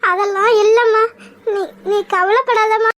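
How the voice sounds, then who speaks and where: A woman voicing a timid young daughter in a cartoon, with a very high squeaky voice, crying and stammering. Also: steady tone, measured pace, a bit bright, no echo. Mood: weepy. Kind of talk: cartoon voice acting.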